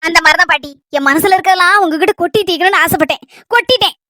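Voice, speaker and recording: Very high, chattering Kanyakumari woman. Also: very fast, sharp tone, a little hiss or hum. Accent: Kanyakumari Tamil. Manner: chattering, blurts everything out, playful stammer. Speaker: comedy skit performer. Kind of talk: comic village skit.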